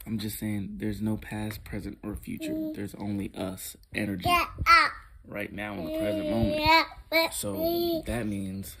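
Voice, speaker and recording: A young man vlogging at home early in the morning, talking in a hushed, rambling, slangy way about spiritual ideas. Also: wildly swooping pitch, a little slow, a crowd in the background. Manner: rambling, hushed and low-key, with slangy asides. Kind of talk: casual spiritual monologue to camera. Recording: loud background noise.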